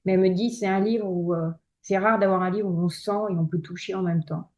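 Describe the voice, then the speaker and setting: A woman who is a lawyer and author appears as a guest in a casual interview, speaking hesitantly with many restarts and fillers and laughing often. Her voice is lowish and darkish in tone, fairly even in intonation and a little fast. The sound is lo-fi.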